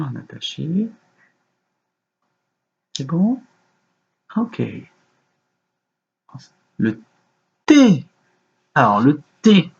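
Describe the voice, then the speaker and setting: Slow, patient male kindergarten teacher. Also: mid-range voice, gravelly, breathy edge, lo-fi sound. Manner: slow, patient, gentle instructions. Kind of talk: remote lesson for young children.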